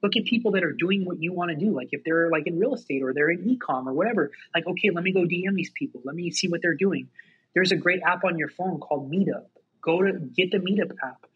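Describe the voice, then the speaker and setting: A man talking as a podcast guest, energetic and quick to get hyped, leaning hard on "like" as he gives motivational advice in casual chat. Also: sits high, slightly rough. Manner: energetic, fast, heavy use of "like". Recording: dull lo-fi sound.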